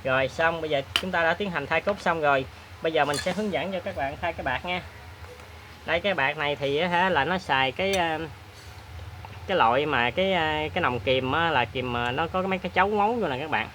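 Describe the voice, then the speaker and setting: Bright-voiced man demonstrating. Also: a little high, a little hiss or hum. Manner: chatty, plain-spoken, many filler pauses. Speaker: repair tutorial host. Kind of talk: hands-on repair demonstration.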